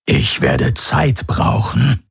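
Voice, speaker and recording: A man voicing a male alien telepath who murmurs slowly in a whisper-like voice. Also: medium pitch, very animated, creaky, husky, no echo, studio quality, voice pushed up, heavily acted. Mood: murmuring. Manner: slow, murmuring.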